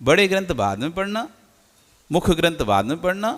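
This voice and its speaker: एक पुरुष जैन मुनि प्रवचन दे रहे हैं, श्रोताओं से सवाल पूछकर खुद उत्तर देते हुए, उपदेशात्मक अंदाज़ में।. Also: male voice, a little high, very animated, moderate pace, a bit bright. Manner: didactic, asks the audience questions and answers them. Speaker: Jain monk giving a discourse. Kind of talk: sermon. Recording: long hall reverb.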